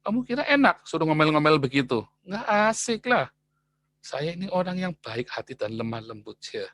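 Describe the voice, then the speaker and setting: Animated, exclamatory male preacher. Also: a little high, moderate pace, no room sound. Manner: animated and exclamatory, with frequent interjections and chuckles. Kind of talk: casual sermon.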